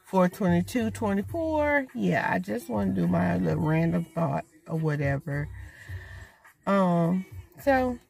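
A woman's voice: on the low side, expressive, creaky, darkish tone, husky. A woman sharing her daily thoughts in a casual, rambling video diary, earnest and encouraging, with lots of fillers. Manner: rambling and unhurried, many fillers. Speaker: vlogger. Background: radio playing in the background.

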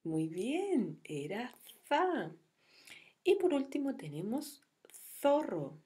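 A woman's voice: a little high, sing-song, takes it slowly, warm tone, slightly rough. A woman teacher from Chile, leading first graders through a reading drill and praising them often. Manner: praising, encouraging pupils. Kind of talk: slow classroom reading drill.

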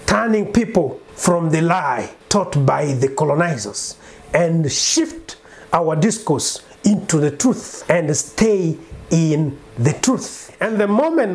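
A Congolese man in his thirties, a native Bembe speaker, introduces himself as a preacher and singer in a direct-to-camera monologue. His voice sits on the high side and moves at a measured pace, and he speaks earnestly and insistently while gesturing with his hands. He's recording in a small home study on a lapel mic.

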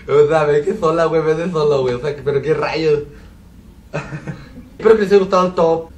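A man's voice: a little high, normal speed. A young man with a Mexican accent giving rambling, joking commentary while playing a video game and exclaiming at it. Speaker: gaming video creator. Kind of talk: casual gameplay commentary. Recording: distant mic with faint background noise.

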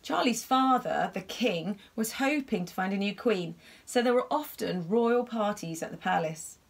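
A woman reads a bedtime story to young children in an expressive, animated way. She gasps at the exciting parts and keeps stopping to ask little listeners what they can see in the pictures. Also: medium pitch, measured pace, creaky, a little hiss or hum. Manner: expressive, gasping, asks the listener questions about the pictures.

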